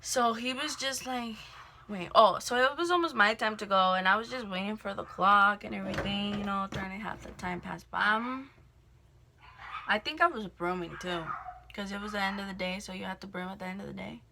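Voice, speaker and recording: A woman's voice: medium pitch, fairly quick, background noise. A young woman in a casual storytime vlog, rambling through a work story with lots of fillers and swearing, recorded indoors on a camera mic while doing her makeup. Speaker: vlogger telling a work story.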